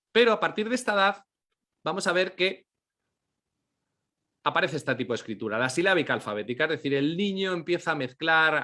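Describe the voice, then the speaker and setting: A man's voice: mid-range voice, bright, forceful tone. Man lecturing, sounding out syllables. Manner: explanatory, asks and answers own questions, sounds out syllables slowly; occasional apologetic self-corrections. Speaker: teacher. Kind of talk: educational lecture on literacy.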